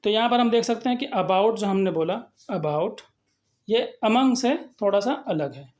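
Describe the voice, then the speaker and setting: A woman's voice: mid-range voice, normal speed, a little mellow. A woman teaching phonetics in a recorded lesson, explaining patiently and repeating example words. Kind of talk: recorded lecture with slides.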